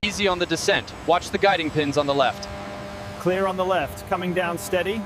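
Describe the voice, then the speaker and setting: High-pitched man on a helmet radio. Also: normal speed, music in the background. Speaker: aircraft assembly crew member. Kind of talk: terse radio-style work instructions.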